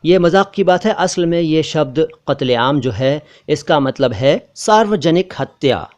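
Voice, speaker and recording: A man's voice: a little high, lively intonation, darkish tone. Man teaching pronunciation, patient. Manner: patient, stresses and repeats words slowly. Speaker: language teacher. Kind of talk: explaining song lyrics and pronunciation.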